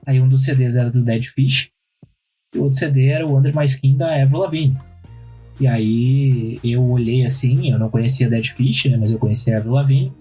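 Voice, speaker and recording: Man, mellow husky tone, casual podcast storytelling. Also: medium pitch, normal speed, faint music behind, rough recording. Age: young adult. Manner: storytelling, reasoning out loud. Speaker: podcast co-host. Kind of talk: casual chat.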